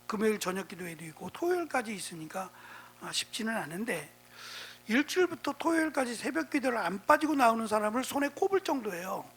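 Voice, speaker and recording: Husky-voiced male pastor preaching. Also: high voice, big pitch swings, a little fast, fairly bright tone. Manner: conversational preaching with frequent rhetorical prompts. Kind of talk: Bible exposition sermon.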